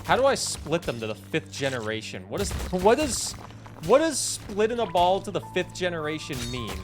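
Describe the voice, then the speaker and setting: Over music, a high-sitting male voice speaks at normal speed. The speaker is a twenty-something from New England who plays a game on stream while chatting casually with his audience, lively and talkative as he reads and responds to chat.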